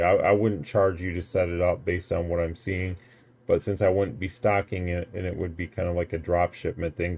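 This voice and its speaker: With a low, dark voice, an American radio shop owner walks through a relaxed hands-on product review. His explanations ramble and stay matter-of-fact.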